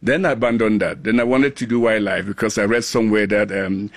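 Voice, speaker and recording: This studio-quality, dry recording captures a man in his sixties from Cameroon, a global health scientist, speaking earnestly in an interview. His voice is on the low side and steady in tone, though halting, with many restarts.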